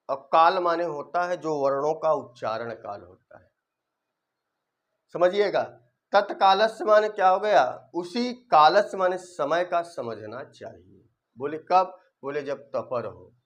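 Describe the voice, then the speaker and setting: High-voiced man teaching slowly. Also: fairly bright tone. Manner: recites rules syllable by syllable, then explains them with rhetorical questions. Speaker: Sanskrit grammar teacher. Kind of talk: online grammar lesson.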